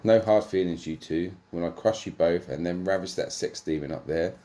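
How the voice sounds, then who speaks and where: A man putting on a smug, gloating warrior type with a put-on New Zealand accent and a deep voice, talking big and theatrical. The tone is boastful rather than menacing, and it is read aloud in a comic storybook style. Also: normal speed, warm tone, natural voice. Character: smug male warrior with a huge weapon.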